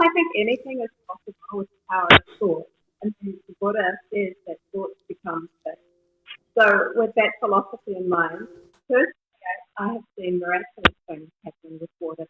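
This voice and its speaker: A woman's voice: medium pitch, brisk. A woman from New Zealand, a guest on a radio show who speaks over a video call. Her voice is chopped up by the call's noise reduction and sounds muffled, as if underwater. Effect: video-call noise reduction cutting out her voice, muffled as if underwater. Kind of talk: casual radio chat. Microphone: laptop on a video call. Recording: dull lo-fi call audio.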